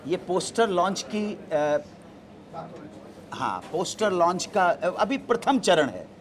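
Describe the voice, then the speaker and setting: Deliberate high-voiced man explaining. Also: very animated. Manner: deliberate, explanatory, mixes English terms. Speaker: actor at a press event. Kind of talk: answering press questions.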